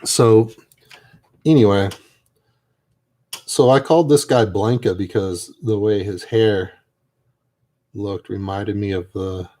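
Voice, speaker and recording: A man chatting casually and reflectively as he paints miniatures, rambling and trailing off at times. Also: fairly low pitch. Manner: rambling, soft-spoken, trails off. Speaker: miniature painter and army veteran.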